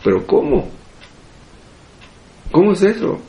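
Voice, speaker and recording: A man with a Mexican Spanish accent preaches as pastor in a church hall, leaning on rhetorical questions and repeated phrases. His high, gravelly, warm voice swoops wildly in pitch at a slow pace. The room echoes and the audio sounds dull.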